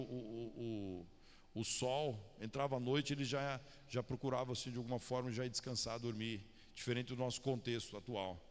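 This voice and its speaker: A man preaching a sermon, firing questions at the congregation and calling on listeners by name. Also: mid-range voice. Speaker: pastor. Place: church hall. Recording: long church hall reverb.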